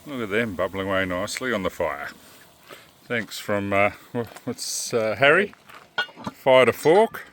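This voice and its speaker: A man hosting a casual camping vlog at an outdoor campsite, relaxed and jokey, laughing often. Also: on the low side, unhurried, a little hiss or hum. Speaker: caravan vlog host.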